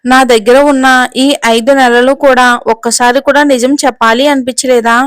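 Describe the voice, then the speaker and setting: A woman voicing a furious young man, a boss, who shouts bitterly. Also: sits high, fairly even intonation, normal speed, no room sound, lightly acted.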